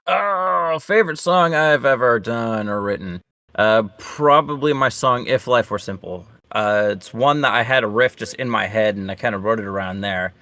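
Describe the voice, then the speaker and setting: A man on an online panel, telling a story in a calm, reflective way. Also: mid-range voice, normal speed, no room sound, studio quality. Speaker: panelist, songwriter. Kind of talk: casual online panel chat.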